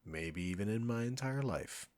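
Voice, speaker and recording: Voicing a low-voiced, condescending male chef, a man engages in close audio roleplay aimed at the listener, smugly bantering and teasing an old rival. His intonation is lively and his pace moderate, his tone a little mellow and near an everyday voice, and a note of reluctant admiration colors the cocky exchange.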